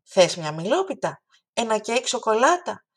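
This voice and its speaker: A woman's voice: a little high, very animated, slightly rough, pitched above the performer's own voice, heavily acted. A woman voicing a friendly, helpful talking hand that reassures a child in a storybook reading. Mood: cheerful.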